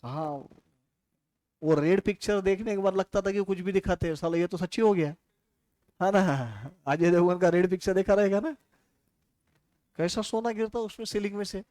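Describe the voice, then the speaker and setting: Guy lecturing a class, storytelling, slightly high voice, dry close sound. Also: moderate pace, darkish tone, no echo. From India. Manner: chatty, storytelling, asks students questions.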